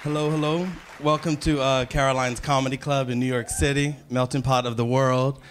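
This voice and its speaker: Brash stand-up comic. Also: male voice, mid-range voice, level tone, moderate pace, crowd noise, noisy background. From Louisiana, USA. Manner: brash, storytelling, punchy asides. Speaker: stand-up comedian. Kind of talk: stand-up comedy set. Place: comedy club stage.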